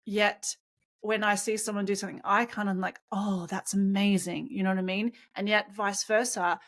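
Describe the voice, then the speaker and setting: A woman's voice: mid-range voice, flat delivery, brisk, a bit bright. Woman co-host, thoughtful and affirming. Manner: thoughtful, affirming with frequent mm-hmms. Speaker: podcast co-host. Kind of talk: casual conversational chat.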